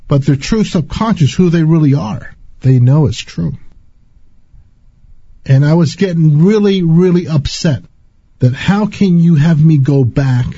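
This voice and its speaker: Husky dark-voiced man, earnest testimony. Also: on the high side, no room sound, lo-fi sound. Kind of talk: personal spiritual testimony.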